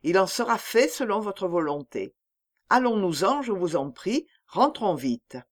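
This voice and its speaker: A woman's voice: mid-range voice, very animated, unhurried. A woman reading an audiobook, voicing a pale, frightened young wife who pleads urgently with her husband. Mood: relieved.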